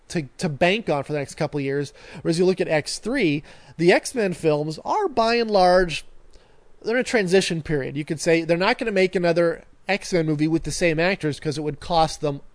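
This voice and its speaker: A man's voice: on the high side, no room sound. A man co-hosting a podcast in casual chat, rambling and restarting his sentences with enthusiasm. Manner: rambling, self-correcting, enthusiastic. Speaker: podcast co-host.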